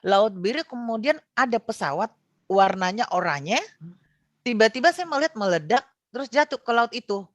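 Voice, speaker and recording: A woman's voice: a little high, animated, normal speed, dry recording. A middle-aged woman from Indonesia casually recounting a personal experience, with frequent fillers and self-corrections. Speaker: guest sharing personal testimony. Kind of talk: casual spoken testimony.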